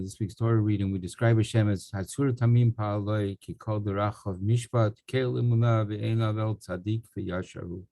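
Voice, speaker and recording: Gravelly man giving a Torah talk. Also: lowish voice, mellow, no echo. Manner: loose storytelling with fillers. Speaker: Torah teacher. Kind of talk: weekly Torah talk with stories.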